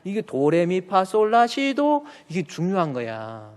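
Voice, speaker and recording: A man preaching a sermon as pastor, talking conversationally and acting out short quoted lines, swinging between loud jabs and soft intimate asides. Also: high-pitched, wildly swooping pitch, a little slow. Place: church sanctuary. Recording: long church reverb.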